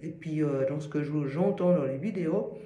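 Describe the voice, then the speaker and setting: A man's voice: on the high side, moderate pace, dark tone, echoey room, rough recording. A man giving an informal singing lesson to one student, explaining patiently with everyday comparisons. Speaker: singing teacher.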